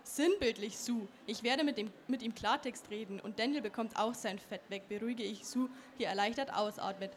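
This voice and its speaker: A teenage girl reads a passage of her own novel aloud in a fairly high voice, earnest, now and then tripping on a word. Faint background noise runs beneath. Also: moderate pace, hardly any pauses. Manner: earnest reading with some slips. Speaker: young author.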